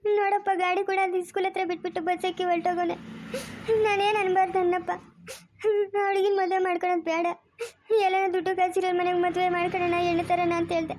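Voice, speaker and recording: A woman's voice: sits high, steady tone, fast, pauses often, mellow, slight background noise, lightly acted. A woman voicing a distraught, bitter middle-aged village mother. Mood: tearful. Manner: wailing laments and angry threats.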